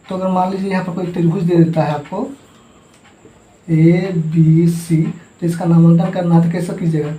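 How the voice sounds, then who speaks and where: A man's voice: high voice, mellow. A man teaching a math lesson, repeating each term and asking the class to say it back. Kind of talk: classroom lesson with call-and-response drilling. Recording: echoey room.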